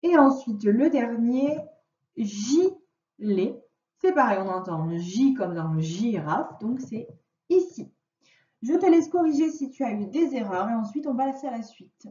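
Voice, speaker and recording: Brief: woman teacher on a home computer mic, slow deliberate dictation, lively pitch, dull roomy sound. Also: recorded from a distance. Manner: slow, carefully articulated word dictation. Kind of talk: remote phonics lesson for a child. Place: at a computer, recording the lesson.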